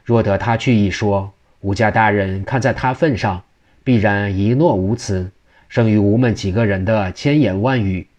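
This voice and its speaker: A man's voice: lowish voice, moderate pace, a little mellow, lo-fi sound, lightly acted. A man voicing a male go-between who talks persuasively.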